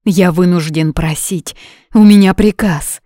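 A woman voicing a pale, timid male royal secretary who speaks quietly and dutifully in an audiobook. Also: lowish voice, a little slow, no room sound, studio quality, lightly acted. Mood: strained.

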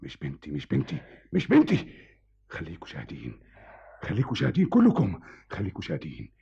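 Older Egyptian pasha father, gravelly and cracking, wild swings, slow and raving; old radio drama. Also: low-pitched, wildly swooping pitch, warm tone, heavily acted. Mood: distraught. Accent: Egyptian Arabic. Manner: broken, repeating denials, trembling. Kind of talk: 1970s radio drama acting. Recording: dull old radio recording.

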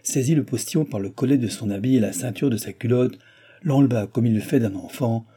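Husky-voiced male audiobook narrator. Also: medium pitch, a little fast, dark tone. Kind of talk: scripted narration.

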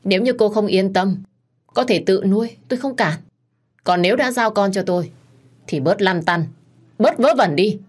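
A woman's voice: fairly low pitch, animated, normal speed, darkish tone. A woman voicing a stern, impatient husband who lays down terms curtly in a told story. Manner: firm, curt, impatient.

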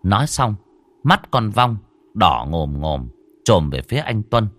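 Man, horror audiobook narrator, deep voice, expressive swings, faint music behind. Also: no room sound. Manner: slow, dramatic storytelling.

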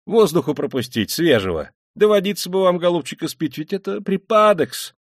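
A man's voice: mid-range voice, very animated, normal speed, darkish tone, no room sound, studio quality, voice pushed up. A man reading an audiobook, voicing a fussy, cunning middle-aged male investigator who talks in an ingratiating, sly way. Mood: alarmed. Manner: ingratiating, sly, with old-fashioned deferential endings.

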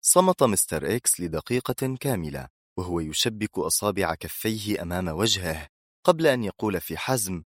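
A man's voice: sits low, fairly quick, no echo, studio quality. A man reading a thriller aloud in scripted, dramatic narration. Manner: dramatic, expressive storytelling.

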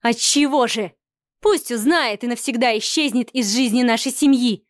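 Scornful middle-aged mother, cold and cutting, read by a woman narrator; slightly high voice, dry close sound. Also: no echo, close to an everyday voice. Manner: sarcastic, slow and cutting. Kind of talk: audiobook character reading.

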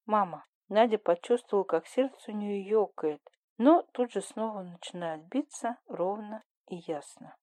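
Woman narrating an audiobook, mellow voice. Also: mid-range voice, lively intonation, normal speed, hardly any pauses, no room sound.

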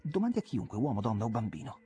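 A man's voice: mid-range voice, big pitch swings, moderate pace, darkish tone, soft background music, voice pushed up, natural voice. A man voicing an earnest, proud young man whose speech climbs into urgent, pleading outbursts in an audiobook reading.

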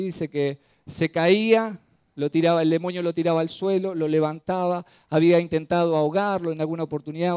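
Un pastor con acento predica un sermón narrativo y dramático, alternando entre pasajes fuertes y suaves y frenando para enfatizar. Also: male voice, high-pitched, dry recording. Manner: dramatic storytelling, swings loud and soft, slows for emphasis. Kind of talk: sermon.

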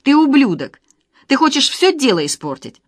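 A woman reading an audiobook, voicing a spiteful, capricious young wife with a sharp, mocking tone. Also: medium pitch, sing-song, moderate pace, dry recording, studio quality. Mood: shrieking. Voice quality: sharp, mocking, shrieking when angry.

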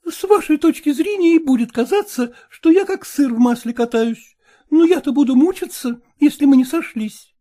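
A man doing a frank young woman who coaxes and insists, her mellow voice swinging up and down. She talks briskly and plainly, pressing her point in a storybook reading. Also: very high voice, animated, pitched above the performer's own voice. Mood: insistent. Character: lively, frank young woman setting terms.

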